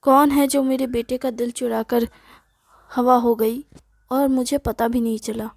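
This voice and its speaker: A woman's voice: fairly high pitch, fairly even intonation, creaky, darkish tone, no echo. A woman doing a nagging, nosy mother. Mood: prying. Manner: scolding, rapid-fire questioning. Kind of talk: storytelling dialogue.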